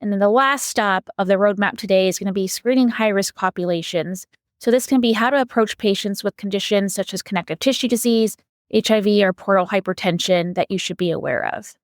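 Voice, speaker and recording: A woman's voice: mid-range voice, a little fast, no room sound, clean studio sound. A woman co-hosting a medical education podcast, a physician who walks listeners through a structured roadmap step by step. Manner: organized, lays out a roadmap step by step.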